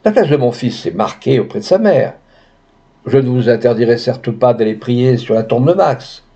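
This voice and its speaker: Man reading a firm, indignant old doctor father, mellow low voice, dull lo-fi audiobook sound. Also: animated, normal speed, close to an everyday voice. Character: grieving stern father, older doctor.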